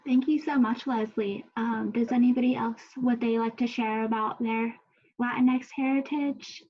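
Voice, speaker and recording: High-voiced woman moderating a panel. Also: fairly even intonation, normal speed. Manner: encouraging, inviting questions. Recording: dull lo-fi sound.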